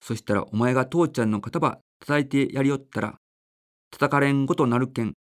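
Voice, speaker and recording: Man reading aloud as kind old country grandmother, coaxing and gently scolding, mid-pitched, storybook reading. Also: fairly quick, lightly acted.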